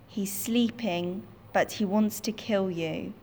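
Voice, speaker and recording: A woman's voice: mid-range voice, slow, darkish tone. Woman reads loyal alert wolves, storybook, urgent.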